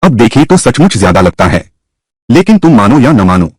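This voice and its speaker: A man's voice: mid-range voice, fairly quick, husky, no room sound. A man voicing a self-assured young entrepreneur. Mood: confident. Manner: assured, calmly persuasive. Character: confident young male restaurant entrepreneur. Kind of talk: Hindi drama dub.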